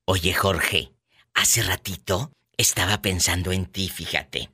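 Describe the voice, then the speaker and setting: A man's voice: low voice, fairly even intonation, slow, sharp tone, breathy edge. A man hosting a call-in radio show, chatting in a playful, teasing, gossipy way. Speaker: radio host. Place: radio studio.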